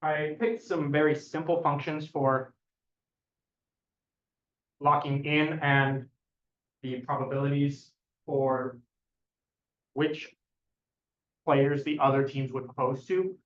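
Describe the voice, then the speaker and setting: A man giving an academic thesis defense presentation as a doctoral candidate, explaining in a hesitant, halting way with self-corrections. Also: fairly high pitch, level tone, fairly bright tone. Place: echoey indoor room. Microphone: distant room microphone. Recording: dull, echoey room, distant mic.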